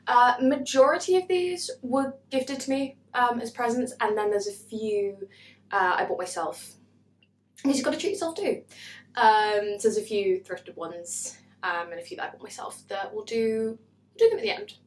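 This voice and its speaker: A woman's voice: fairly high pitch, normal speed, a little hiss or hum. A woman, chatting bubbly and self-mocking through a book haul vlog. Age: 20s. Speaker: booktuber. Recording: echoey room.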